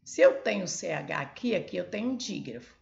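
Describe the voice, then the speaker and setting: A woman's voice: fairly low pitch, lively intonation, brisk, vocal fry, a little mellow, dull audio. A woman teaching a Portuguese grammar lesson at a board, explaining step by step and pointing things out as she goes. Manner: explains step by step, many "olha" and "ó" prompts.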